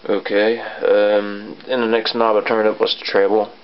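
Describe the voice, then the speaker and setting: A man talks in a low voice with an Appalachian hillbilly accent. He rambles casually and haltingly through an amateur gear review, putting himself down a little. The camera audio is dull and lo-fi, with instrument sounds clearly present. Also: flat delivery. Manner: halting, self-deprecating. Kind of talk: casual rambling product demo. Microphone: camera on a tripod. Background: bass guitar and amp sounds.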